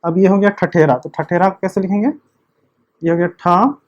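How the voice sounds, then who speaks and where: Man teaching slowly, step by step. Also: sits high, fairly even intonation, lo-fi sound. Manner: slow, step-by-step explaining, repeating the same check word. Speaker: teacher of a script. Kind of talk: online video lecture.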